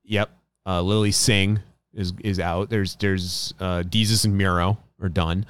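Smooth-voiced man hosting a podcast chat. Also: sits low, flat delivery, unhurried, dry recording. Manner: rambling, chatty, restarts sentences. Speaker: podcast host. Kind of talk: casual chat.

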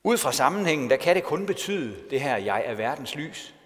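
A man's voice: fairly high pitch, sing-song. A male pastor giving a sermon in a storytelling way, asking rhetorical questions. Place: church. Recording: long church reverb.

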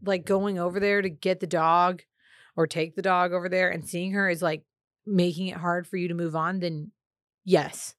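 A woman's voice: lowish voice, fairly even intonation, normal speed, dry recording, studio quality. A woman co-hosting a casual advice podcast, chatty and opinionated, with many filler words. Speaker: podcast co-host.

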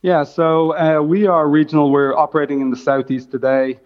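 A man's voice: fairly high pitch, flat delivery, moderate pace. A man with a Dublin accent answers interview questions as a startup founder. His intonation stays very level as he explains things in business jargon. The sound is slightly muffled and band-limited. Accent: Dublin Irish. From Dublin, Ireland.

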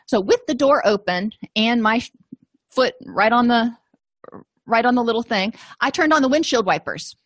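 A woman's voice: fairly high pitch, animated, normal speed, no echo. Chatty middle-aged woman lecturing, dry sound. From Florida, USA. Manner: chatty, self-deprecating, asides with "you know". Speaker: counseling course instructor. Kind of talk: informal lecture.

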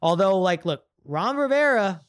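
Man, Brooklyn accent, smooth resonant voice, rambling podcast co-host. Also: high-pitched, expressive, normal speed, no echo, studio quality. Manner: rambling, restarts and fillers, upbeat sign-off. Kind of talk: casual sports podcast chat.

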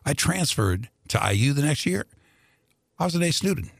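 Older man, husky gravelly voice, dry close sound, relaxed drawling storyteller, laughs often. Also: fairly high pitch, moderate pace, dry recording. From born in Greece, raised in Indianapolis. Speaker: radio personality, guest. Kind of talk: casual interview storytelling.

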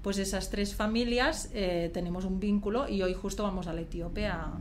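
A woman guest in a podcast interview, telling a personal story in a lively, emotional and rambling way. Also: mid-range voice, normal speed, background noise.

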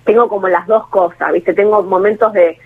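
Speaking at medium pitch with fairly even intonation, this slightly rough-voiced woman keeps a moderate pace. She's an actress and singer with a Rioplatense Spanish accent, a self-deprecating radio guest who restarts a lot, heard through a tinny phone connection.

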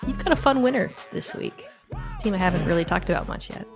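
Low, creaky-voiced woman hosting sports chat. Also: expressive, fast talker, faint music behind. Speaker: sports podcast host.

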